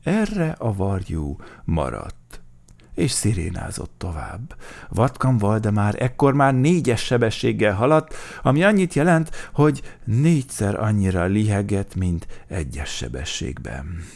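A man narrating a children's storybook in a lively storytelling manner. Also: on the low side, gravelly.

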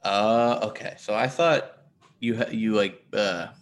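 A man's voice: fairly low pitch, unhurried, a little hiss or hum. A man hosting a casual podcast, with dry, mock-earnest jokes. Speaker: podcast host.

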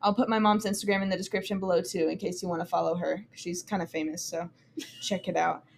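A young woman hosting a casual podcast chat, upbeat and quick to laugh. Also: on the low side, level tone, gravelly, slight background noise. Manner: chatty, laughs often, upbeat. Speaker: podcast host.

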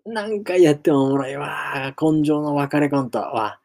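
A man voicing a boisterous male elephant god from a storybook, loud and brash, speaking in Kansai dialect. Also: fairly high pitch, expressive, unhurried, voice pushed up. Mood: gleeful.

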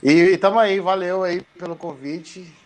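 A man's voice: high-pitched, steady tone, normal speed. A Brazilian man chatting casually as a podcast guest, laid-back, slangy and prone to swearing. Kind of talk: casual chat.

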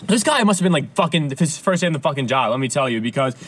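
Profane, animated man telling a story. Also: a little high, quick pace, slightly rough, no echo. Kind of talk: casual storytelling chat.

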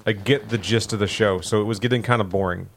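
A man's voice: on the low side, steady tone, fast talker. A man co-hosting a podcast, chatting casually and joking while coaching his friend through a video game. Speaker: podcast co-host. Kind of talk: casual gaming chat.

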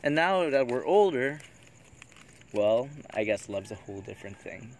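A young Filipino-accented man chats loosely on a casual podcast, giggly and drunk. His pitch swings widely as he repeats himself and swears, with faint noise behind him. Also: very animated, normal speed. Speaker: podcast host.

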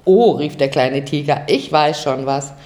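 A small homesick tiger who calls out his wishes eagerly, as a woman reading aloud puts him on. The voice stays slow and lowish for a bedtime book. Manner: eager, excited exclamations. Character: little male tiger, sick and homesick.

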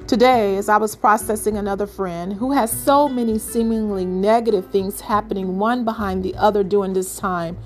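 A woman hosting a reflective devotional talk, speaking gently and measuredly with pauses. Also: medium pitch, faint music behind. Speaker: podcast host.

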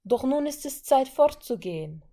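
A woman's voice: a little high, animated, normal speed, a little mellow, pitched above the performer's own voice. A woman voicing an earnest young woman who pleads urgently in an audiobook story. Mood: urging.

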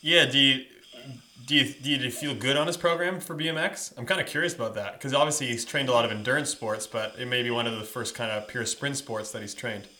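Quick bright-voiced male interviewer. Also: medium pitch. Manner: curious, quick questions. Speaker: interviewer, host. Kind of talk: casual interview chat.

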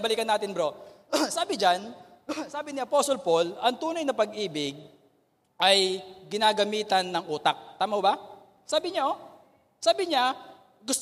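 A man teaching a Taglish Bible lesson to a youth group, animated and asking "okay?" again and again. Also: high-pitched. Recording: long reverb of a hall.

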